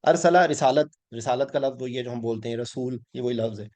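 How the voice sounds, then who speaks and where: A man's voice: mid-range voice, level tone, fast talker, mellow. A man teaching a weekly Quran class, patiently explaining grammar and often checking "ठीक है?" as he mixes in English words.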